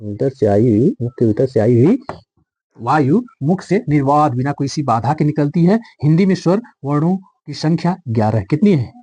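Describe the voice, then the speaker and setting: Dark-voiced male Hindi grammar teacher. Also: a little high, husky, dry recording. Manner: repeats key lines, quizzes the viewers.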